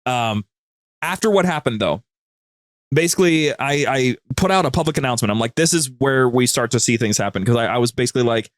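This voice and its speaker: Studio-quality audio without echo captures a man's brisk, mid-range voice. As a guest on a podcast and a producer of the show, he tells stories in a loose, informal, rambling style.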